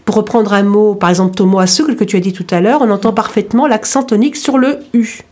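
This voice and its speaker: A woman's voice: medium pitch, fast talker, dark tone. A woman co-hosting a radio show, patiently explaining pronunciation rules and spelling words out letter by letter. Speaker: radio co-host. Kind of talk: language lesson chat on radio.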